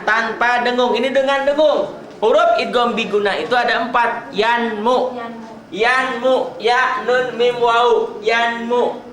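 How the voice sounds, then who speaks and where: High-voiced man teaching recitation slowly. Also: fairly bright tone. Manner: patient, repeats each example slowly, drawn-out recited phrases. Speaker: tajwid teacher. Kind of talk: Quran recitation lesson. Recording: roomy echo.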